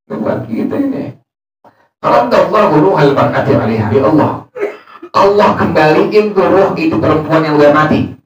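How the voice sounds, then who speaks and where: Man teaching in an echoey prayer room. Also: fairly high pitch. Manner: reads Arabic text then explains it in casual speech. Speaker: religious teacher. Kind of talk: Islamic study sermon. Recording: echoey room, distant mic.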